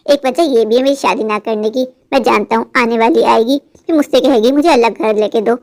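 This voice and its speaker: A woman voicing a cheerful young bachelor friend in a cartoon story, lowering her voice into a boyish, breezy tone. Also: a little fast, darkish tone, natural voice.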